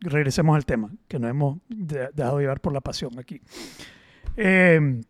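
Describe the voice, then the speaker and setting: A man's voice: on the high side, moderate pace, no room sound, clean studio sound. A man hosting a casual podcast, teasing and joking and mixing in English phrases. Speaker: podcast host.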